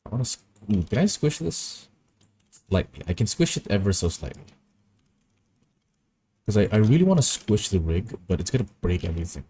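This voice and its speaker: A man's voice: low-pitched, big pitch swings, brisk, pauses often, dark tone, a little hiss or hum. A young man chatting casually and rambling through stories while he works on an animation. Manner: rambling, anecdotal, easily amused. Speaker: animation streamer.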